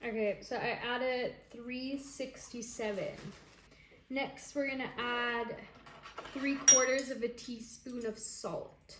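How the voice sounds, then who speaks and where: A woman's voice: on the high side, slow, echoey room, very noisy. A young woman chatting casually as she walks through a home baking recipe step by step. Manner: chatty, relaxed, explaining as she goes. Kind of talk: casual step-by-step cooking chat. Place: home kitchen.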